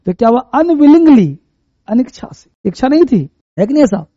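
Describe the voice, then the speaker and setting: Animated high-voiced male teacher. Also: normal speed, no echo. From India. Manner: animated, acts out everyday scenes to explain. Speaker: English grammar teacher. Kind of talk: classroom lecture. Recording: muffled, slightly lo-fi sound.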